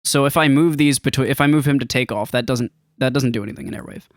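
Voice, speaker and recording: A game developer demos his own game in a casual screen recording, talking fast in a mid-range voice. His tutorial-style commentary is informal and wanders a bit as he thinks out loud. The audio is studio quality with no room sound.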